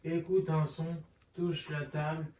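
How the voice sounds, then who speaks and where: A man at home reading a list of numbered tips aloud at a slow, deliberate pace. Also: a little high, level tone, a little mellow, distant mic, a little hiss or hum. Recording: echoey room, from across the room.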